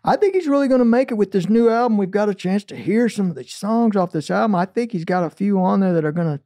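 A man imitating a chatty, hyped male radio DJ with fast patter, voice pushed higher than his own. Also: animated, dark tone.

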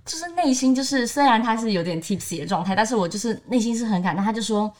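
A woman's voice: fairly high pitch, expressive, fast. A young woman in her twenties with a Taiwanese Mandarin accent, co-hosting a podcast and telling a story in casual chat, quoting her friends in livelier voices. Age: 20s. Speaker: podcast co-host.

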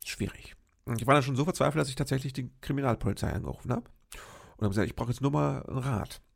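Gravelly older man chatting on a podcast. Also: mid-range voice, quick pace. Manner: chatty, rambling, addresses listeners directly with "ne?". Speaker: podcast host. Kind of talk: casual storytelling monologue.

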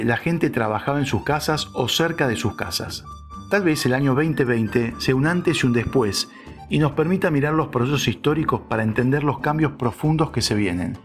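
Male narrator, mid-pitched, scripted commentary, wry and sarcastic, faint music bed.

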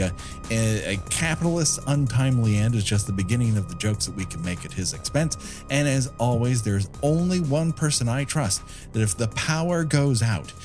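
Animated man hosting a comedy podcast. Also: medium pitch. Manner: theatrical, showman-like announcing with drawn-out words. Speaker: podcast host. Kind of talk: casual comedic podcast chat.

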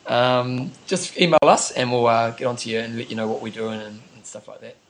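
Casual male podcast host, broad Kiwi accent, informal and slangy, over clear background noise. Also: mid-range voice, fairly even intonation, brisk. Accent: broad New Zealand. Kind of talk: casual co-hosted sports chat.

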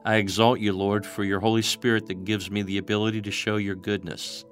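A man guiding a meditative prayer in a soft, reverent way. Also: on the low side, little pitch movement, soft background music. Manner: slow, soft, reverent delivery. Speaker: prayer guide.

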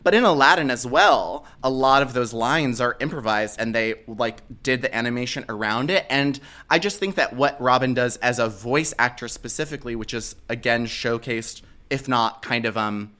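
Casting: male co-host, sassy and camp, bright forward voice, emphatic slangy delivery for casual film chat. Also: mid-range voice, normal speed, few pauses.

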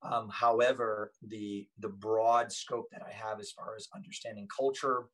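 A Thai-speaking man in his forties, appearing as an interview guest, talks casually and rambles, full of ums and self-corrections. His voice is lowish, flat and a bit bright at a normal speed, on a low-quality recording.

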